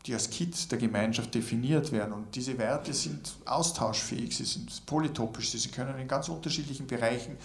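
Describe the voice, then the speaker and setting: A man giving a reflective spoken lecture, measured and deliberate, building his points in long lists. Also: mid-range voice, vocal fry, slight background noise.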